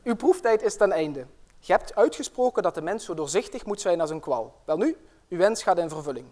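A commanding female spirit from an old fairy tale speaks in grand, formal phrases, as a man reads her lines aloud. The voice sits fairly high for a man and carries storybook gravity. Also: lively intonation, fairly quick, darkish tone. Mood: solemn. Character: magical female spirit of the twentieth century, commanding.

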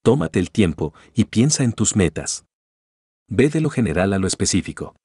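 A man narrates a scripted explainer in a steady, instructive tone, talking directly to the listener. His voice sits deep and slightly husky. The recording is dry and close, with no room sound. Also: normal speed, no echo. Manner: calm instructive second-person advice.

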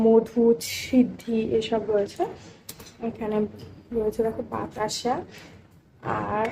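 A young woman from West Bengal with a Bengali accent, chatting casually in a home vlog and keeping her voice low so a sleeping child stays asleep. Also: warm tone, slight background noise. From West Bengal, India. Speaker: vlogger.

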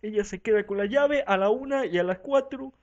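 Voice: medium pitch, fairly quick, a little mellow, muffled recording. A speaker with a Mexican accent doing a rowdy, profane comic parody dub of a talk show, voicing every part and switching between voices. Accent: Mexican Spanish.

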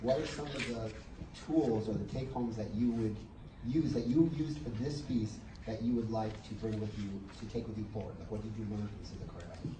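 A man's voice: fairly low pitch, fairly quick. A man in the audience asking a rambling question, restarting as he goes. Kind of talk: question from the floor. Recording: distant mic, roomy echo, noise.

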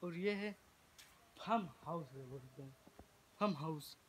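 A young man narrates a jokey, casual vlog outdoors at a farm house, addressing the phone selfie camera he holds at arm's length. He speaks at a measured pace in a fairly high voice, with slight background noise.

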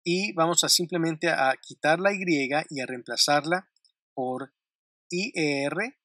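In a clean studio recording without any room sound, a bright-voiced man with a fairly high pitch teaches an English grammar lesson aimed at Spanish speakers. He goes over word lists slowly and distinctly, adding light laughs along the way.

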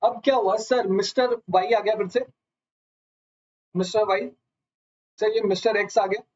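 A man's voice: sits high, fairly even intonation, a little slow, darkish tone. A man teaching a live online lecture, asking his students question after question and calling them sir. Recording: slightly dull lo-fi audio.

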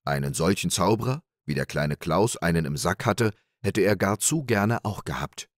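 Male narrator, deep, calm and measured, fairy-tale audiobook for unwinding, dry close sound. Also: no echo.

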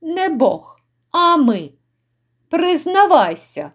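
A woman's voice: extremely high pitch, sing-song, very slow, pitched above the performer's own voice, heavily acted. A woman voicing rowdy, brutal drunken noblemen who jeer and bark orders. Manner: gruff, jeering shouts.

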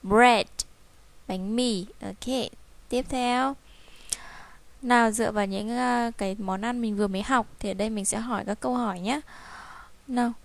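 A woman with a Vietnamese accent teaching English to young children, repeating each word slowly and clearly. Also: on the high side, fairly even intonation. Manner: drills English words slowly, repeating each one several times. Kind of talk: slow, clear classroom teaching.

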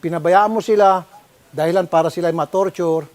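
A man with a Filipino accent hosts a broadcast public-service program and presses his guests with stern, scolding questions. His voice sits fairly high for a man. He talks in quick bursts, demanding answers. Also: fairly even intonation, a little mellow. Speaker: host.

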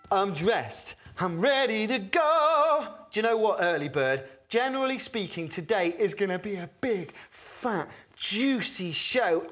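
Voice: mid-range voice, fairly bright tone, close to an everyday voice. A performer playing a silly, eager adult man in a kids' puppet show, with bouncy put-on voices. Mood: excited. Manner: bouncy, goofy, swooping voice put-ons.

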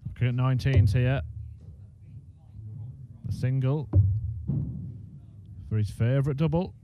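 A man giving measured, analytical darts commentary in short phrases. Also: medium pitch, dark tone, soft background music. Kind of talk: sports commentary. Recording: dull, noisy commentary feed.

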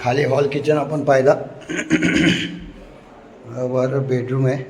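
A man's voice: mid-range voice, steady tone, very slow, vocal fry. A man with a Mumbai Marathi accent, filming a family weekend vlog, chatting, teasing and laughing often. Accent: Marathi-speaking Mumbai. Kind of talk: casual handheld vlog narration. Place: villa rooms full of family. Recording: noisy crowded room.

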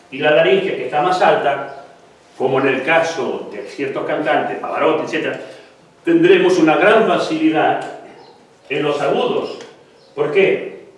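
A man giving a live lecture on singing, explaining patiently and repeating syllables to demonstrate. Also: fairly high pitch. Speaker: guest lecturer on singing technique. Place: lecture hall. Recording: echoey hall, distant mic, faint noise.

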